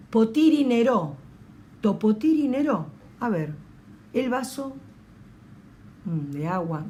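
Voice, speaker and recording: Argentine lady teaching online, slow careful delivery, repeats words, bit of faint background noise. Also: lowish voice, mellow. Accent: Argentine Spanish. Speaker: Greek language teacher. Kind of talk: online language lesson.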